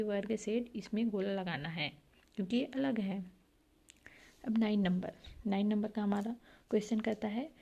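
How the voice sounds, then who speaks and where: Slow, gravelly-voiced woman teaching. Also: medium pitch, mellow. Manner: slow, spells words letter by letter; reads English questions very slowly. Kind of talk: explaining an English worksheet in Hindi.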